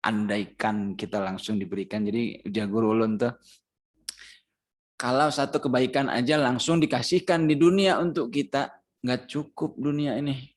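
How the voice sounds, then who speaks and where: A man's voice: medium pitch, steady tone, moderate pace. A man with a Banjar Indonesian accent teaching a Ramadan Quran recitation class. He patiently chants verses as examples and quizzes his students.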